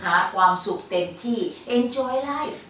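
A woman's voice: high voice, expressive, a little fast, a bit bright, a little hiss or hum. A woman preaching a sermon to her congregation in a church hall, asking them rhetorical questions and dropping English words into her preaching. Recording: very echoey, far from the mic.

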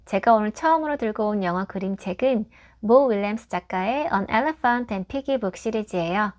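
A woman reviewing a children's picture book, explaining it patiently and clearly and modelling English pronunciation tips. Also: medium pitch, lively intonation, normal speed.

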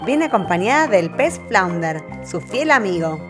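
A woman hosting a children's toy show with a bright, sing-song, exclamatory welcoming delivery. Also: medium pitch, very animated, moderate pace, music in the background. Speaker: toy channel host.

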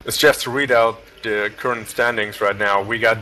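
A man's voice: on the low side, fairly even intonation, normal speed, bright, forceful tone. A man co-commentating a live racing stream, reading out standings in rambling play-by-play with jokey asides. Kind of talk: casual race commentary.

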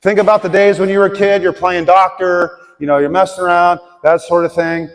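Speaking fairly quickly with a high-pitched, flat delivery, a middle-aged pastor gives a conversational sermon and questions his congregation directly. The large church auditorium gives the recording long hall reverb.

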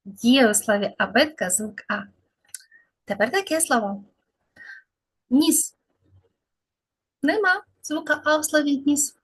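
A woman's voice: high voice, lively intonation, slow, pauses often. A woman speech therapist leading a lesson for small children, drawing out words in a sing-song way.

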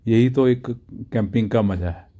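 Low, mellow-voiced older man vlogging. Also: normal speed, highs cut off. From Jammu, India. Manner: relaxed, chatty, polite filler "ji". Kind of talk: casual vlog talk to viewers. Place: outdoors at a forest campsite.

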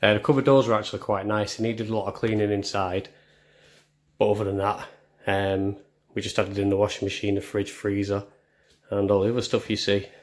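A young vlogger speaks a little fast in a lowish, level voice while touring a house indoors. He chats casually and makes self-deprecating remarks, recording everything on a handheld phone camera as he moves through the rooms.

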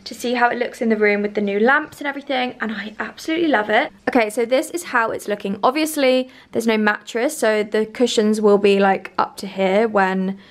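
A young woman chatting casually in her flat for a vlog, enthusing about her rooms with lots of ums and likes. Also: a little high, a little fast, few pauses. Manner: gushing, filler-heavy, enthusiastic. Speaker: home vlogger. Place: bedroom and kitchen of a rented flat, indoors.

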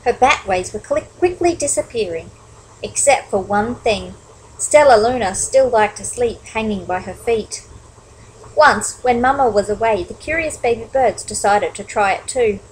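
A woman reading a children's picture book aloud, expressive, with chatty asides to young listeners. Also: a little high, moderate pace, a little hiss or hum, poor audio. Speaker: storybook reader. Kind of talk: children's story read-aloud.

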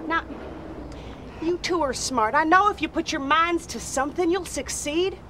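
A worn-down, determined trailer-park mom. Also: female voice, very high-pitched, normal speed, sharp tone, a little hiss or hum. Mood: firm. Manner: blunt, earnest, plain-spoken country talk. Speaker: mother.

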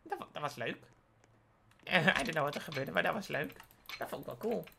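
A woman giving playful game commentary as a gaming YouTuber, excitable, with sudden high squealing outbursts. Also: a little fast, a little hiss or hum. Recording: clear keyboard typing and clicks.

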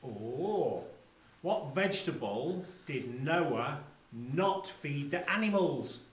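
Giggly woman co-host on a kids church show, slow and teasing, echoey room. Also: deep voice, lively intonation. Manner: giggly, teasing, exaggerated reactions. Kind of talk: playful kids' church show chat. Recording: echoey room with background noise.

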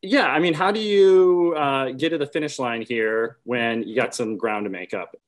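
A man in his thirties hosts a political interview over a video call. His voice sits at a middle pitch, and he puts his questions conversationally. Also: normal speed. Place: living room at home, on a video call. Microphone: video call, computer mic.

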